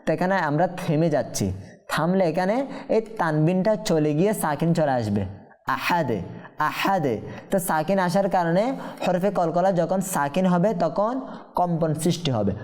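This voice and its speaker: A man teaching tajweed, explaining each rule patiently, checking that listeners follow, and chanting verses slowly. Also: a little high, expressive, a little mellow. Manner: patient, explains step by step and often checks understanding; draws out Quranic verses in slow melodic chant. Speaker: Quran recitation teacher. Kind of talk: tajweed lesson with chanted recitation.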